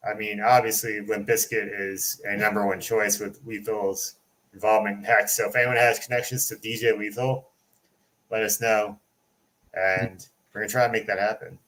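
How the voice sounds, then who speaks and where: A man's voice: on the low side, flat delivery, normal speed, fairly bright tone, low-quality recording. A man co-hosting a casual livestream chat, laid-back and joking in a dry way. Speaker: podcast co-host.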